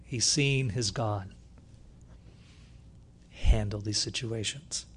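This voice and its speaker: A man preaching a sermon, retelling a scripture story with lively storytelling and loud bursts when he reads from the text. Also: fairly low pitch, takes it slowly, slight background noise. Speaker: pastor.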